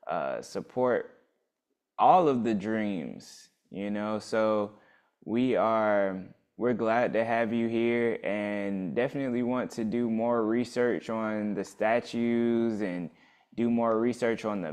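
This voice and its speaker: A man's voice: lowish voice, darkish tone, clean tone. A man hosting a casual interview, laid-back and enthusiastic, with frequent affirmations. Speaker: interview host.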